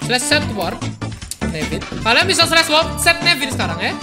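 A young man giving excitable gameplay commentary, laughing often and slipping into English slang. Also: extremely high pitch, normal speed. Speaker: gaming YouTuber. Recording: voice over loud background music. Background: background music.

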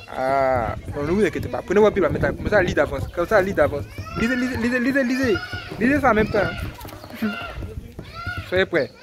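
Animated young man retelling a Bible story. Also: sits high. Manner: animated, with exclamations and repeated phrases. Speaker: Bible teacher. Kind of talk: lively Bible storytelling sermon.

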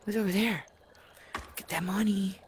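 A woman's voice: mid-range voice, steady tone, moderate pace, noisy background. A woman casually commenting as she plays a VR game, muttering to herself, often swearing and sometimes dropping to a whisper. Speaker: VR game player.

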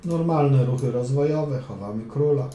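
Playing through a chess game, a male coach offers casual, chatty commentary in a mellow, medium-pitched voice at a moderate pace. He's playful, tossing out quips and mutters as he goes, and the recording carries a roomy echo and a slight room hum.

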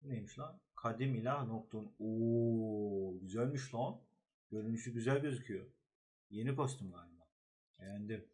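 A man's voice: fairly low pitch, moderate pace, darkish tone. Casual young-sounding man reacting to game unlocks. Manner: casual, slangy, short reactive remarks. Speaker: gaming YouTuber. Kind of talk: casual gameplay commentary.

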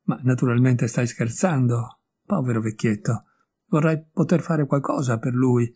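Man doing a kindly flustered young gent, earnest, dark breathy voice, audiobook. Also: mid-range voice, a little slow. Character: kind-hearted young gentleman, easily flustered. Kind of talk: audiobook character voice.

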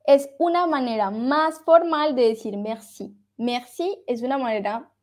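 Slow, high-voiced woman teaching French. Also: darkish tone. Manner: slow, repeats words to drill pronunciation; switches between French and Spanish explanations. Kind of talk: online language lesson.

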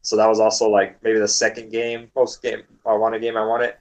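A man's voice: fairly low pitch, completely flat delivery, normal speed, a little mellow, rough recording. A young man co-hosting a gaming podcast in casual, swear-filled chat. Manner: laid-back, swears freely. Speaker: podcast co-host.

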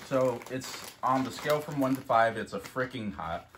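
A man's voice: medium pitch, expressive, moderate pace, a bit bright, a little hiss or hum. A man hosting a casual food-challenge vlog, chatting, laughing and counting down before each bite. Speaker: vlog host.

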